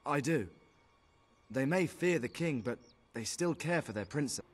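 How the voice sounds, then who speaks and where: A young man playing an earnest, worried gentleman devoted to a princess in a video game. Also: medium pitch, expressive, a little slow, slightly rough, faint music behind. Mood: worried, tender. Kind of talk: video game character acting.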